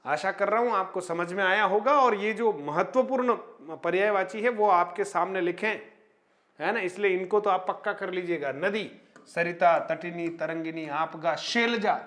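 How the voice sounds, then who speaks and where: High-voiced man rattling off word lists. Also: normal speed, a bit bright. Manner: rattles off word lists, stressing new words with reminders; addresses viewers as friends, frequent tag questions. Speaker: Hindi grammar teacher. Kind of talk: exam-prep lesson reading out word lists.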